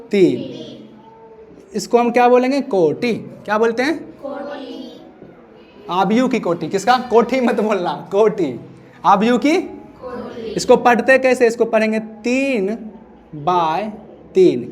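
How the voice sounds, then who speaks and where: A man's voice: very high-pitched, slight background noise. Man teaching maths. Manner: repeats questions to prompt students. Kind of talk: classroom lecture.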